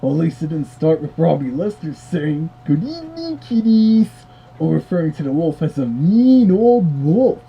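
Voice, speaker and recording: A man's voice: a little high, gravelly, lo-fi sound, slight background noise. A man hosting a review, giving wry, chatty commentary in a casual way. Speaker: reviewer host.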